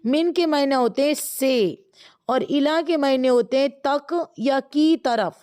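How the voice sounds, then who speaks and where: A woman with a Pakistani accent teaching an Arabic grammar lesson, who explains in quick bursts and slows right down to recite each word. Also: sits high, a little mellow. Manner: explains in quick bursts, drawls slowly when reciting words.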